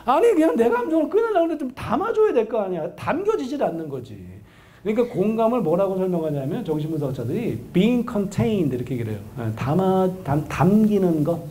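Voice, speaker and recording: Animated lecturing middle-aged man. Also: high voice, brisk. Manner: animated, acts out quoted voices of a wife and husband. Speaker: professor of counseling, lecturer. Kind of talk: lively lecture to an audience.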